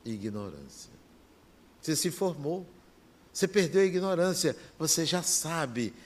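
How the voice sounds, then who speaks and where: A man with a Brazilian Portuguese accent tells a story in a reflective talk. His voice sits a little high, and he takes his time. He delivers short, deliberate phrases separated by long pauses. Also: big pitch swings, a little hiss or hum. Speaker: speaker giving a reflective talk.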